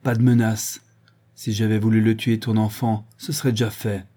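A man voicing a bitter, vengeful older woman who speaks in a hoarse, clipped, hushed and menacing way. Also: on the low side, level tone, normal speed. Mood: hissing hatred.

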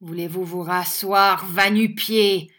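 A woman reading a storybook and voicing a cruel, sneering middle-aged male schoolmaster in a loud, mocking, menacing tone. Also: medium pitch, measured pace. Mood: enraged.

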